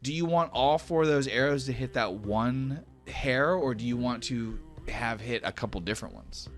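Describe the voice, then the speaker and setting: A man with a medium-pitched voice runs a tabletop role-playing game as game master, speaking at a moderate pace. He explains rules and narrates off the cuff conversationally, with music playing in the background.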